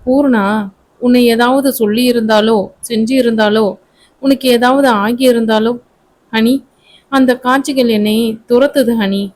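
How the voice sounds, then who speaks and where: A woman voicing a remorseful, loving young husband who pleads with his wife, in a slow storybook reading. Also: on the high side, fairly even intonation, darkish tone, slight background noise, lightly acted. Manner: pleading, guilt-ridden.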